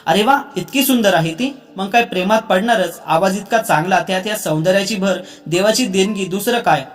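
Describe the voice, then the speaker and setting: A man's voice: high voice, moderate pace, natural voice. A man voicing a worried middle-aged mother who fusses and questions her son in a storybook reading. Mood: fussing. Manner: fussing, questioning.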